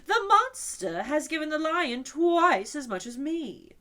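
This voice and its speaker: A woman voicing an eager, boastful male unicorn in a storybook reading, with a bright, emphatic delivery. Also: medium pitch, expressive, unhurried, voice pushed up. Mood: indignant.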